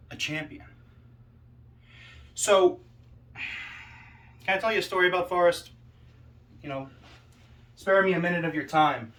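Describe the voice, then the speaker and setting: A man delivering a self-important, accusatory wrestling promo monologue, with deliberate pauses and rhetorical questions. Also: fairly high pitch, a bit bright.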